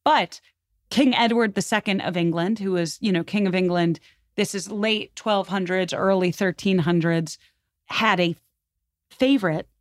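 In clean, echo-free studio sound, a woman with a mid-range voice talks a little slowly as a podcast guest. She recounts history in a relaxed, conversational way, with many filler words.

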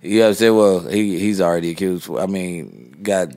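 A man's voice: low-pitched, moderate pace, warm tone. A man guest in a casual interview, telling a story in heavy slang and acting out the quoted dialogue. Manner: slangy, repeats "you know what I mean". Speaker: guest rapper.

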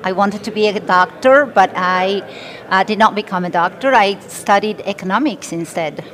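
Woman from Argentina, company head, interview guest, measured and formal delivery. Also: mid-range voice, a bit bright. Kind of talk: conversational interview. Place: conference expo floor.

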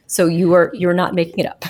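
A woman podcast co-host chatting casually while her audio glitches into a robotic sound with jumping pitch, often laughing along. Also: monotone, a little fast, darkish tone. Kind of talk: casual chat.

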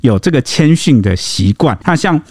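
A man's voice: fairly high pitch, sing-song, normal speed, darkish tone, husky, no echo, clean studio sound. A man with a Taiwanese Mandarin accent co-hosting a podcast, explaining points casually and acting out quoted lines. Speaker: podcast co-host. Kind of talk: casual chat.

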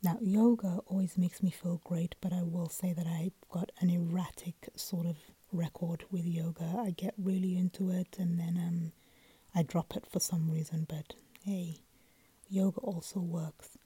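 A sleepy woman hosts her podcast in a low, breathy whisper, with a very dark and mellow tone. She chats casually into a close mic in a dry, dead room, trailing off into ums and restarts as she goes. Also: flat delivery, a little slow, dry recording. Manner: speaks mostly in a soft whisper, with many ums and restarts. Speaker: podcast host. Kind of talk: casual solo podcast chat.

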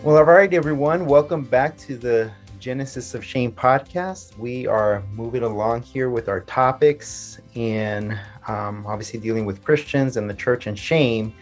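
A man's voice: mid-range voice, a little slow, hardly any pauses, faint music behind. A man hosting a faith podcast, talking casually with plenty of "um" and "like" as he interviews a guest. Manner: friendly and casual, frequent "um" and "like". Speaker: podcast host.

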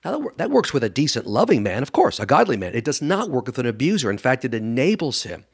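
Husky, medium-pitched and very animated, his speech comes at a quick pace. He is a doctor and author being interviewed as a guest expert on the radio, replying bluntly and emphatically in a chatty way while acting out others' words.

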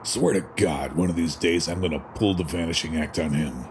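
An actor playing a gruff, weary older police commissioner in an audio drama, grumbling in folksy, streetwise slang. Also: male voice, sits low, fairly quick, slight background noise, lightly acted. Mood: exasperated.

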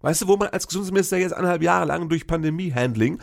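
Gravelly, rambling man ranting. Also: a little high, rapid-fire. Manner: rambling, sarcastic, many fillers and restarts. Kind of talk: casual political rant.

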